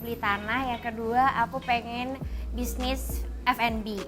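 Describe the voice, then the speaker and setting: A woman's voice: on the high side, fairly even intonation, measured pace. A young woman in her early twenties, a student, answering interview questions in a chatty, casual way. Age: 21-ish, early 20s. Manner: chatty, often adds "guys". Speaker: student and café worker interviewee. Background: background music.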